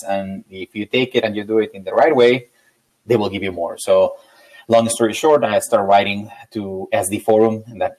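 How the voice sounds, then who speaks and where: A Peruvian tech company founder with a low voice answers questions conversationally as an interview guest, speaking with a Peruvian Spanish accent. His tone is darkish, and the recording is rough.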